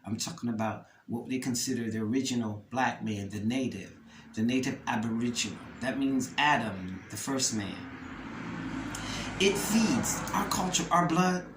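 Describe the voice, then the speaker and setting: An American man from Delaware hosts his show in a fervent, preacher-like way, repeating phrases and pressing his points. His voice sits at an ordinary middle pitch. It echoes around the room over a faint ambient hum. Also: normal speed. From Delaware, USA. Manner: emphatic, preacher-like delivery with rises and repeats. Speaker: host. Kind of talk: passionate monologue. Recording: roomy echo, faint ambient noise.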